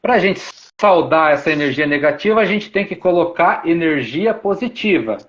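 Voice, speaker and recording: A man's voice: a little high, animated, normal speed, a bit bright. A man giving an informal spiritual talk, explaining patiently and repeating himself, with frequent tag questions. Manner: repetitive, explanatory, uses many tag questions. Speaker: spiritual speaker. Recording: dull lo-fi sound.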